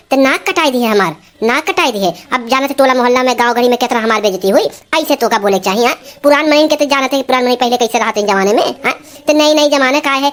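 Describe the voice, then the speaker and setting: A woman's voice: sits high, close to an everyday voice. A woman voicing a scolding old village mother-in-law in a cartoon. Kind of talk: cartoon voice acting.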